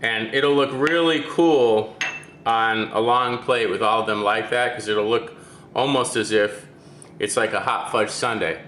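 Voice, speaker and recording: A man's voice: on the low side, fairly even intonation, normal speed, sharp tone, echoey room, slight background noise. A man working as a chef, giving a step-by-step cooking demonstration and checking in with "okay?".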